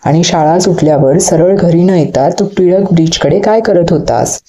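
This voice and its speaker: Woman doing a strict mom telling her kid off, low dark voice, kinda muffled audiobook sound. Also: normal speed, close to an everyday voice. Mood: scolding. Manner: sharp, scolding. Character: worried, scolding middle-aged mother.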